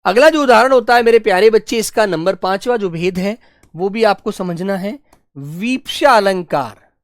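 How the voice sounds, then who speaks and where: A woman's voice: animated, no echo. Woman teacher dictating a lesson, dry sound. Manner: slow dictation, repeating phrases for notes; acts out quoted dialogue with raised pitch. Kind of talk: Hindi grammar lesson.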